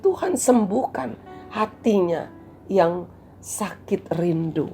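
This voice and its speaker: A woman who used to teach gives a children's daily devotional talk, gently telling a story. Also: medium pitch, lively intonation, takes it slowly, creaky, faint music behind. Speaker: devotional speaker and former teacher.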